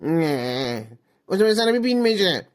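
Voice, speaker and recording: A man's voice: high voice, unhurried, fairly bright tone. A man performing a playful improvised comedy skit, questioning in a domineering way. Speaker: streamer doing impressions in a comedy skit.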